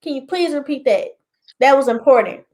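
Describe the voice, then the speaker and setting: A woman with a high voice co-hosts a relaxed chat, animated and teasing. She turns to the viewers often and keeps the talk loose and playful. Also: moderate pace. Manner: animated, teasing, talks to the audience. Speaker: co-host. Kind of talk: casual chat.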